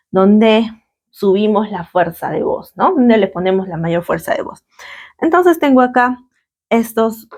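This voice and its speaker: Patient woman teaching English grammar. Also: mid-range voice. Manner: patient, repeats words slowly and checks in with "¿listo?". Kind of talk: classroom grammar lesson.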